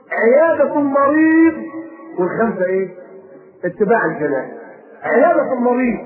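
Egyptian male preacher, rapid animated delivery, tinny phone-like tape in an echoey hall with a crowd. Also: sits high. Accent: Egyptian Arabic. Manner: animated, scolding, mimics people. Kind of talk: recorded sermon lecture.

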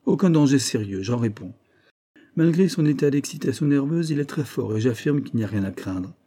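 A man's voice: mid-range voice, lively intonation, fairly quick, mellow, voice pushed up, close to an everyday voice. Man doing a firm, reassuring doctor. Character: calm, confident male doctor.

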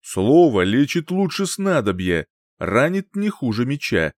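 A man playing a calm, wise old singer-sorcerer who speaks slowly and with quiet scorn. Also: medium pitch, dry recording, studio quality. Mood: stern. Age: older. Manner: slow, measured, scornful.

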